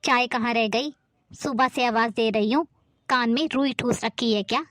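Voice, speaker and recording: A woman's voice: a little high, normal speed, fairly bright tone, no room sound, studio quality, lightly acted. A woman playing a harsh, domineering sister-in-law who barks orders and scolds. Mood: bossy. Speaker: performer in a family skit. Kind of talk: amateur family drama acting.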